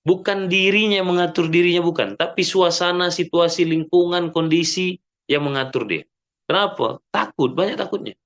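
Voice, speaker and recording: A man giving an Islamic sermon in a mosque, lively and full of rhetorical questions, often checking with the audience. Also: sits high, moderate pace, lo-fi sound. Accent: Indonesian. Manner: frequent "ya kan?" checks with the audience. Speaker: preacher.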